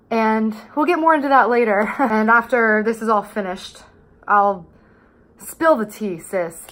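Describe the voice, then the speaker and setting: A woman's voice: medium pitch, a bit bright. A woman of twenty-seven talking candidly and casually to camera as a vlogger, in a confessional, rambling way with plenty of swearing.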